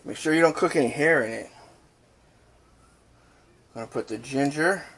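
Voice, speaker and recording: A man's voice: a little high, moderate pace, a bit bright. Joking man walking through a home recipe. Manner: joking, rambling, talks while cooking. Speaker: cooking channel host. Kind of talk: casual cooking vlog. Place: home kitchen.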